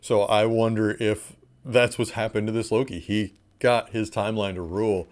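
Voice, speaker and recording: A man hosting a reaction vlog, talking in a casual, excitable way that rambles and often restarts. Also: on the low side, normal speed. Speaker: channel host reacting to a TV episode.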